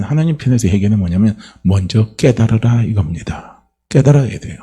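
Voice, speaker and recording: A man's voice: mid-range voice, dark tone, husky. A male pastor giving a conversational sermon, often posing questions to the congregation and answering them himself.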